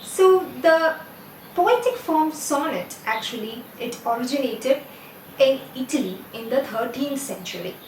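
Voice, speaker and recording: Lively high-voiced woman lecturing in an echoey room. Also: unhurried, a little hiss or hum. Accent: Indian English. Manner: asks the listener questions and answers them herself. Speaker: English lecturer. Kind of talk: explanatory lecture. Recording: roomy echo, distant mic, faint ambience.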